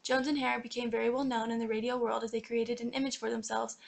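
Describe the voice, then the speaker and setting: Reading a script from the page, a young woman narrates a documentary for a student history project. Her slightly high voice moves quickly, carries heavy vocal fry at the edges, and shifts very little in pitch.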